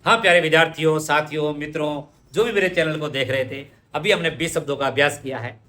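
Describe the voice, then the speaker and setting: A man's voice: fairly high pitch, quick pace, bright, forceful tone, echoey room. A man teaching correct Hindi spelling, explaining each word patiently and speaking directly to his students.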